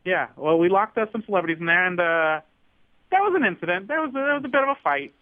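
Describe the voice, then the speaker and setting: A shameless TV network executive, as a man plays him, talking quickly in a high voice that leaps all over the place. He shrugs off every scandal with blithe, halting uhs. His voice comes through a thin, phone-like line with no room sound. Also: animated, no echo. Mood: unbothered. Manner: blithe, unapologetic, hesitant with many uhs. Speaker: comedy podcast guest character.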